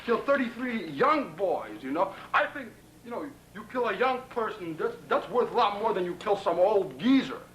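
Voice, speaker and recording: Filming himself on a tripod-mounted camcorder in his apartment bedroom, a Brooklyn-accented man from Brooklyn, New York, rambles profanely at a pen pal, boasting, threatening, restarting with stutters and saying "man" nonstop. His high voice swings widely in pitch at a normal speed, barely pausing, with a fairly bright tone. The 1990 tape is roomy, distant and hissy.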